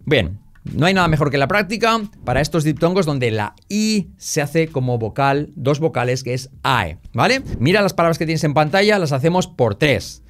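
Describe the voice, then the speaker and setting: A man's voice: a little high, sing-song, moderate pace. Upbeat male pronunciation teacher. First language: Spanish. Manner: drills English words in threes, prompting "repite". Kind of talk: lesson with repeat-after-me drills.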